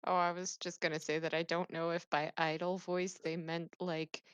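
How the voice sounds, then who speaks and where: A woman's voice: on the low side, level tone, moderate pace, a bit bright, a little hiss or hum. A woman chatting casually as a player in a tabletop role-playing game.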